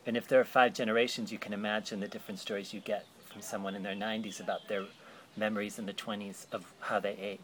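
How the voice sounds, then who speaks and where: Man, interviewer, low voice, rambling explanations, faint background hiss. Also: level tone, fast. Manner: thoughtful, rambling explanations with fillers. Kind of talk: explaining a book project in an interview.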